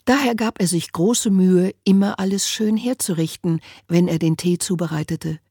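A woman narrating an audiobook in a calm, measured storytelling manner. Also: fairly low pitch, creaky, slightly rough, no room sound, clean studio sound. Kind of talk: scripted narration.

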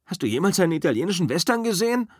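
A man's voice: high-pitched, sing-song, rapid-fire, dry recording, studio quality, voice pushed up. A man reading an audiobook, voicing a bitter, hot-tempered male actor who rants and curses about his failing career. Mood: ranting. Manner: angry, cursing, ranting. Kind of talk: audiobook character voice.

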